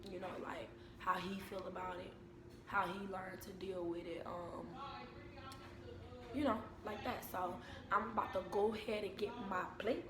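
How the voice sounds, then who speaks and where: A young American woman chatting casually to camera at home, telling stories in an informal, unhurried way. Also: mid-range voice. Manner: informal, unhurried storytelling with repeated phrases. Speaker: vlogger and mother. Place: indoors at home. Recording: echoey room with background noise.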